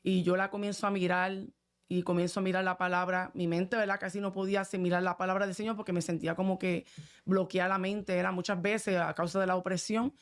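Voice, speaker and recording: A woman's voice: on the low side, flat delivery, quick pace. A woman pastor, sharing an earnest testimony in a casual conversation, with frequent asides to her listener. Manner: earnest, fervent, many filler asides. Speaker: pastor, guest.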